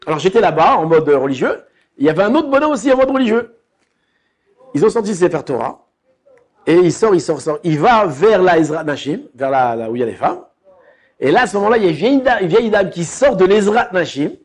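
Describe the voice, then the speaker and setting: A man's voice: sits high, fast. A man, a rabbi, giving a colloquial Torah lesson, telling stories and acting out the scenes in them. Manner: animated, colloquial, acts out scenes.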